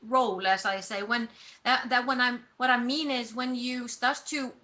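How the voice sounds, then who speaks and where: Her voice slightly high with a sharp tone and fairly even intonation, an Icelandic-speaking woman from Iceland answers interview questions as a personal branding coach. She reflects as she talks, pausing and restarting in the middle of thoughts.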